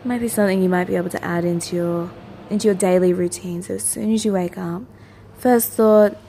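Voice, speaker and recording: A woman's voice: fairly low pitch, fairly even intonation, a little fast, vocal fry. Woman guiding a soothing meditation, noisy background. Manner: soothing, gentle, lulling, with repeated soft instructions. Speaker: meditation teacher, host of a daily guided meditation. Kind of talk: guided meditation narration.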